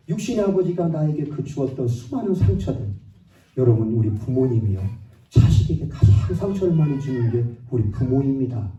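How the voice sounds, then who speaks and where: A man's voice: fairly high pitch, warm tone. A male pastor preaching a sermon in a church, telling personal stories in a conversational way and speaking directly to the congregation. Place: church sanctuary. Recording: roomy church sound from a distance, muffled.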